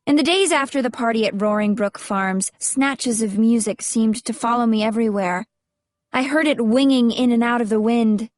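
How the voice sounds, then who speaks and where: A young adult woman reading a first-person audiobook in a measured, expressive storytelling manner. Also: on the high side, no echo, studio quality. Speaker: audiobook narrator.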